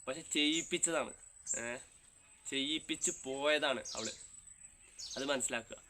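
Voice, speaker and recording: A man's voice: on the high side, sharp tone, slight background noise. A man with a Malabar Malayalam accent chatting casually to his viewers as a vlogger, insistent and repeating his phrases. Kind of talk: casual chat to viewers, reacting to comments.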